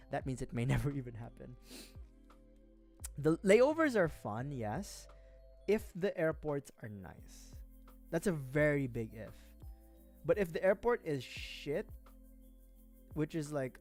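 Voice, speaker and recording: A young Filipino man, a vtuber, rambles casually on a livestream while building a model kit, laughing often. His voice sits on the high side and is a little mellow.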